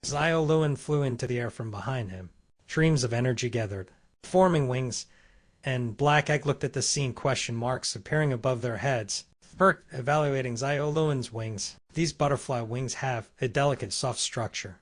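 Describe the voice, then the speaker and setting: A man's voice: medium pitch, normal speed. Man narrating a comic recap. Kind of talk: scripted narration.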